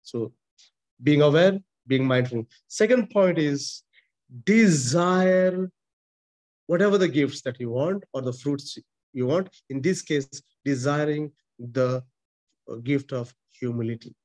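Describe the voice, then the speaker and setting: A priest in his forties speaks slowly in a voice on the high side and a little mellow, preaching from a small chapel over a video call. Indian-accented, English isn't his first language, and a webcam records him up close. He's emphatic and repetitive, gesturing and frequently starting over.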